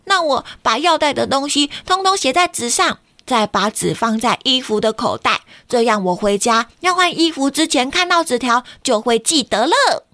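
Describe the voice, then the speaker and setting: A woman's voice: high voice, expressive, moderate pace, hardly any pauses, a bit bright, dry recording, clean studio sound. A woman voicing a flustered, forgetful young schoolboy in a children's storybook reading. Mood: musing. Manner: whiny, exasperated protests.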